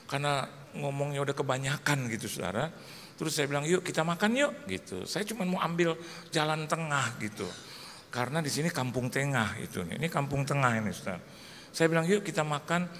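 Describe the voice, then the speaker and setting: With a brisk, animated delivery and a fairly bright mid-range voice, a male pastor tells a funny story within his sermon, voicing the other characters himself. It was recorded in a church hall, with a large hall's long echo and faint background noise.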